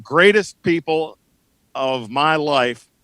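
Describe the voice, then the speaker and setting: A middle-aged sports broadcaster, appearing as a guest in a casual conversation, reminisces and tells anecdotes in a halting, searching way. His voice is a little high and fairly bright, recorded with no room sound.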